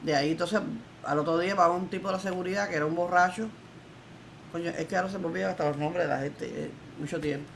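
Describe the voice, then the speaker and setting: A woman's voice: fairly low pitch, fairly even intonation, quick pace, gravelly, a little hiss or hum. An older woman with a Cuban accent giving an emphatic, defiant testimony in an interview. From Cuba. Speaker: interviewee, former political prisoner.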